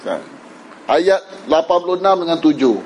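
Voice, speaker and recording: Fairly high-pitched and expressive, a Malaysian man gives an informal religious lecture at a moderate pace, his tone a little mellow. As a religious teacher he keeps it conversational, mixing English words in and asking "kan?" often, though the audio is poor.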